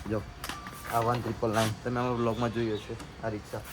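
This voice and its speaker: A man's voice: fairly low pitch, level tone, fast talker, noisy background. A man running a small shop, chatting casually to his viewers and showing off his stock. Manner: chatty, keeps addressing viewers as guys. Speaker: shopkeeper vlogger. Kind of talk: casual vlog commentary.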